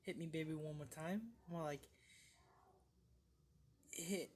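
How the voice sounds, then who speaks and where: A woman's voice: deep voice, a little fast, dark tone. A woman giving casual, sarcastic reaction commentary, rambling with fillers like "um". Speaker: reaction video host.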